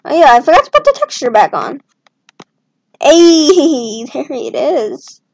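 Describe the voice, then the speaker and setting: A woman who makes map videos chats to herself while drawing a map on screen, rambling casually and tossing in jokey asides. Her voice is high-pitched and expressive with a darkish tone, at a measured pace and with no echo.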